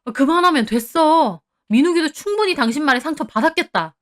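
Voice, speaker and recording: A woman voicing an exasperated young husband in a storybook drama who shouts to stop a family fight. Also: high voice, expressive, brisk, voice pushed up. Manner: loud pleading shouts. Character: exasperated young husband trying to calm his wife.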